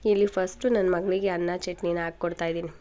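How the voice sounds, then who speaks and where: Woman with a cold, smooth voice. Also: on the low side, flat delivery, quick pace, mellow. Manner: chatty, talks to viewers directly. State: voice changed by a cold. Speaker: vlogger. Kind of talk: casual home vlog narration.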